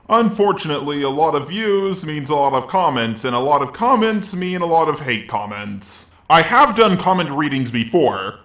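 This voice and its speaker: A man's voice: on the high side, fairly bright tone, roomy sound. A man doing a reaction commentary, answering critics with sarcastic, argumentative retorts. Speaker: commentary YouTuber.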